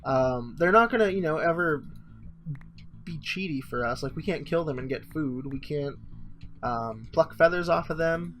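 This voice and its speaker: Here the gaming host's voice runs on the high side, animated and fairly bright, at a moderate pace. Still congested and groggy from waking up, he rambles through the survival game with plenty of fillers and little laughs.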